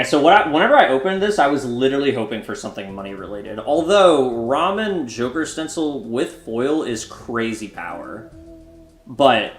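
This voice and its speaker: A man in his twenties streaming a card game, chatting loosely and jokingly with viewers while he plays. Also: medium pitch. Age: 20s. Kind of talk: casual live-stream commentary. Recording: roomy echo, faint music behind.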